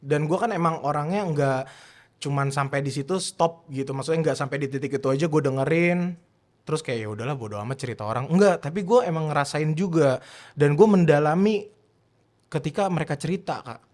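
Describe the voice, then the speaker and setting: A man, a guest telling about his content in a relaxed, earnest, slangy way. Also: fairly high pitch, normal speed. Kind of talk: casual interview chat.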